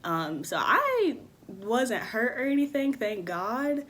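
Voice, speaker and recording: A woman in her twenties telling a personal story on her own channel, casual and lively, acting out the people she quotes. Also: on the high side, takes it slowly. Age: 20s. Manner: animated, acts out quoted people. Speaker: vlogger. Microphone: phone camera.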